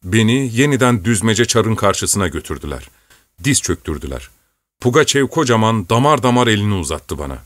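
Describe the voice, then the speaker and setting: Man reading a novel aloud, deep-ish voice, calm steady pace, dry close sound. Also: no echo. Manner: measured, steady storytelling. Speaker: narrator. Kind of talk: audiobook narration.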